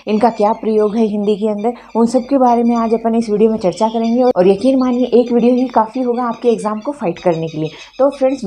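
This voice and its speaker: Woman, slightly high voice, mellow tone, grammar lesson, asks and answers herself. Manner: asks questions and answers them herself, repeats key points. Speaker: teacher. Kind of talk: exam-prep grammar lesson.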